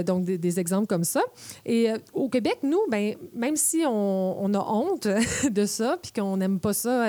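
A woman with a Québécois accent talks on the radio in a playful, chatty way, explaining with examples. Her voice is warm and mellow. The recording is dry and close. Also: mid-range voice, dry recording. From Quebec. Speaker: radio columnist.

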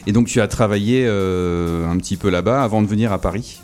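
A man's voice: fairly low pitch, fairly quick, darkish tone, soft background music. A man hosting a radio show, joking and teasing as he welcomes a guest. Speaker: radio host. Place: small radio studio.

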